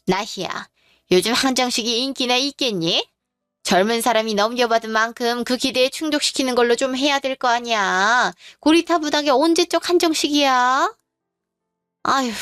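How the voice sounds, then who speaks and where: Woman reading a sneering mother-in-law, condescending, fairly high voice, dry close sound, soft music behind. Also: smooth, no echo, close to an everyday voice. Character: scornful middle-aged future mother-in-law. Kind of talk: audio drama narration.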